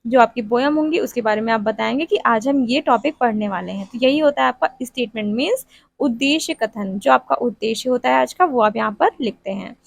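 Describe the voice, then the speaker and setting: Woman tutor, exam-prep lecture, high voice, dry close sound, slow read-out definitions. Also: vocal fry, no room sound. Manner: mixes Hindi with English terms, reads English definitions out slowly; repeats a check-in tag after each point. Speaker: teacher-training tutor. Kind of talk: exam-prep lecture explaining teaching steps.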